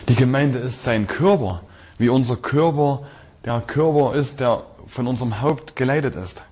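A man delivering a sermon in an ordinary mid-range voice. He reads scripture slowly and deliberately, then hammers home a key phrase by repeating it again and again. Each repetition stresses a different word. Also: mid-range voice, darkish tone, husky. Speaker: preacher.

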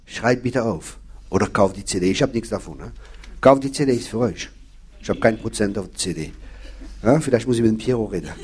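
A man's voice: fairly low pitch, brisk, a little mellow. A man giving a sermon, hammering home key phrases and asking the listeners questions. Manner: emphatic, repeating key phrases, addressing the audience with questions. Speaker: preacher.

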